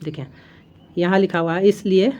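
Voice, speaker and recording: A woman's voice: lowish voice, fairly even intonation, moderate pace, darkish tone, muffled recording. A woman teaching an exam-prep lesson, reading from notes and explaining step by step, with fillers and self-corrections as she repeats key terms.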